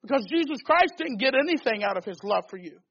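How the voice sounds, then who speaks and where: A man with a very high voice preaches a sermon with fervent emphasis, his points climbing in urgent bursts. The recording is dull and lo-fi. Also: expressive, quick pace, fairly bright tone.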